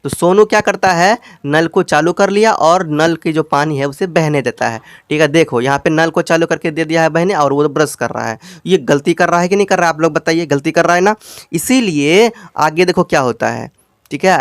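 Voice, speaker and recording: A man with a Hindi accent teaching English from a storybook, reading each English line very slowly and explaining it again, often asking his students questions. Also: on the high side, smooth, dry recording. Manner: reads English lines very slowly, word by word.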